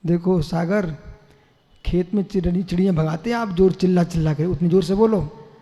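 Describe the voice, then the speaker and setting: A man giving a live religious sermon to a congregation, animated and calling on listeners to repeat after him loudly. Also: sits high, normal speed, dull audio. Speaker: Jain monk preacher. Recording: long hall reverb.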